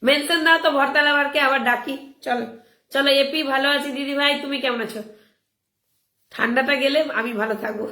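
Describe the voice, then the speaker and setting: A woman hosting a casual live stream, hoarse from a cold, brisk and coaxing as she keeps urging viewers on. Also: high voice, fairly even intonation, sharp tone. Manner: brisk, coaxing, keeps repeating calls to act. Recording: roomy echo.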